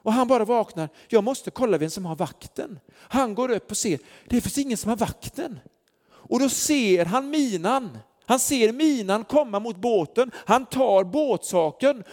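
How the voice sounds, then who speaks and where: A man's voice: sits high, darkish tone. A man preaching a sermon, telling stories earnestly with lots of fillers. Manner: earnest storytelling with many fillers. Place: church hall. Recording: long church hall reverb.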